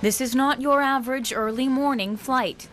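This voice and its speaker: A woman's voice: sits high, fairly even intonation, moderate pace, crowd noise. A woman with a Canadian accent narrating a scripted TV news feature as a reporter.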